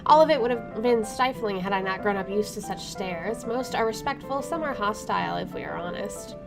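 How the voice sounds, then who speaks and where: This gaming streamer's medium-pitched voice is animated and a little fast, with some vocal fry. She reads text from the game aloud in a let's play, breaking off with wry, informal asides. The mic is off to one side, and game music fills the background.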